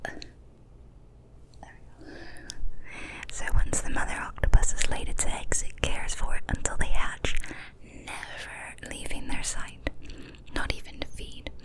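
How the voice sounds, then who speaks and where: A woman's voice: a little slow, long pauses. A young adult woman giving whispered ASMR narration, cupping her hand and whispering very close to the mic without voicing. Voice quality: unvoiced whisper. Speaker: ASMR host. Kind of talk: whispered ASMR, reading fun facts. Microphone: extreme close-up mic.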